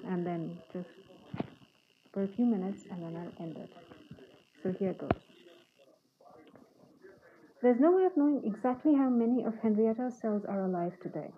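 A woman podcast host speaking through a face mask, in plain spoken talk and reading aloud. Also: medium pitch. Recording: phone-like narrow band, faint background noise.

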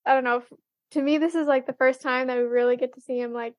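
A woman's voice: sits high, fairly even intonation, fast talker, no room sound. A woman co-hosting a podcast, recapping an episode casually and hesitantly, with many fillers. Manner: hesitant, full of "um" and "like". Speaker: podcast co-host.

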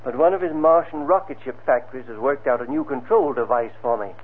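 An actor playing a kindly, eccentric scientist absorbed in his inventions, in an old radio serial style with a halting manner. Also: medium pitch, natural voice. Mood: busy, friendly. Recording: noisy, tinny vintage radio recording.

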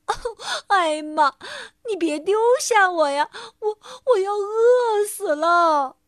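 A woman's voice: animated, a little slow, no room sound, studio quality, exaggerated voice. A woman voicing a playful young male elephant who wails and calls out for help in a storybook reading. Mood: wailing. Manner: wailing, calling out high and loud.

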